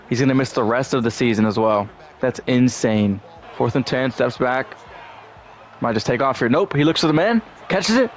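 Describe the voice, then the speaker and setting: A young man commenting on his own football game session, talking in an ordinary mid-range voice. He swears freely and jumps from flat play-by-play to loud, high-pitched outbursts when a play goes wrong. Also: a little hiss or hum. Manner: frustrated, profane, swings into shouting. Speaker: gaming YouTuber. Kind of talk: gameplay commentary.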